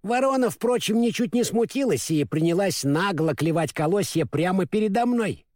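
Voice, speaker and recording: Man voicing a high, bouncy scarecrow who trips over his words; storybook, dry close sound. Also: animated, moderate pace, a little mellow, no echo. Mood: storytelling. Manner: stammers, mixes up words then corrects himself. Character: clumsy naive straw scarecrow, male, cheerful. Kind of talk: storybook reading.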